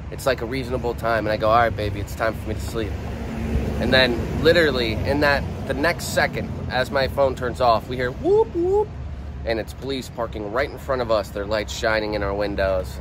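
A man in his thirties tells stories in a relaxed, chatty way as he vlogs. He holds his phone at arm's length outdoors. Steady city traffic hums behind him. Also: medium pitch, a little fast. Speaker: travel vlogger. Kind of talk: casual vlog narration. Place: outdoors in a city park and parking lot. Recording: noisy outdoor street recording. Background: traffic and city ambience.

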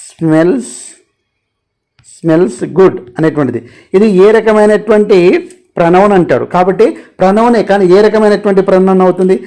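A man's voice: high-pitched, darkish tone. A man with a Telugu accent teaching an exam-prep grammar lesson, emphatic and repeating key terms. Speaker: English teacher for exam aspirants.

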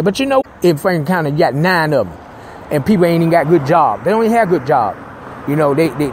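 A middle-aged Southern pastor with a fairly high voice hosts his radio talk show, rambling loosely from one thought to the next and dropping in amens. Faint noise sits under the recording. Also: darkish tone. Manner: loose, rambling, with many restarts and church interjections. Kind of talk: casual talk radio monologue.

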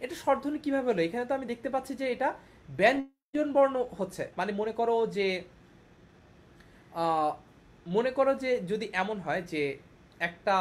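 A young woman gives an online lesson in a slightly high voice. She teaches patiently, repeating each point and often checking that her students understand. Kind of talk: online class lecture.

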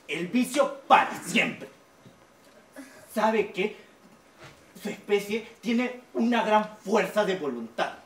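A man's voice: high voice, a bit bright, heavily acted. An echoey, distant stage recording with faint noise carries a man acting a fussy, earnest pet owner in a comic play. He is exclamatory and solemn, doting on his odd animal. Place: small theatre stage indoors. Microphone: distant camera.

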